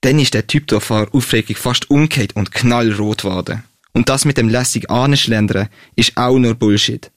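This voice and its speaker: A man's voice: medium pitch, dry recording, clean studio sound, lightly acted. A man voicing a cheeky young woman with a Swiss German accent who corrects her boyfriend's story. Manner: cheeky, quick to interrupt.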